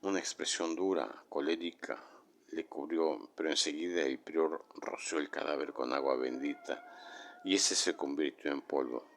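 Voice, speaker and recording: Very deep, gravelly Mexican man. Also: fairly bright tone. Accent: Mexican Spanish. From Mexico City. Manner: measured, dramatic reading. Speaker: storyteller. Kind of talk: reading a horror legend aloud.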